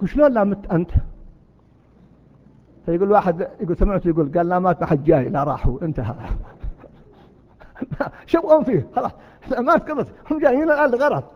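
A man preaching, his voice very high and his delivery quick. He tells stories and acts out the quoted exchanges. The recording is dull and lo-fi, with a long reverb trailing each phrase. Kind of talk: sermon to a gathering.

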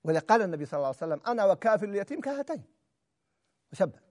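A man preaching a sermon, emphatic, swinging between loud exclamations and hushed asides. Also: sits high, very animated, very fast.

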